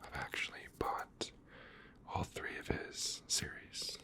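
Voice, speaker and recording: A man whispering softly and slowly into a close stereo mic, moving from ear to ear as an ASMR creator. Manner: soft, slow, unvoiced whisper.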